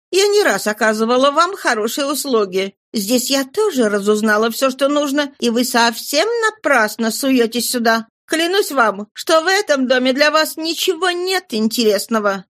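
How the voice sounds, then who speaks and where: A woman's voice: high voice, animated, normal speed, few pauses, a bit bright, voice pushed up. A woman voicing a bold, stubborn young woman from a family of thieves in a read-aloud novel. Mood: pleading. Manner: defiant, stubborn.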